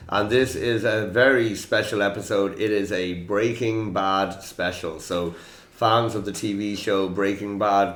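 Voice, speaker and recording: A man's voice: lowish voice, roomy sound. A man with an Irish accent hosting a quiz podcast, chatty and joking with his players. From Ireland. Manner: jokey, chatty, quick quips. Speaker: quiz host. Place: room in Prague.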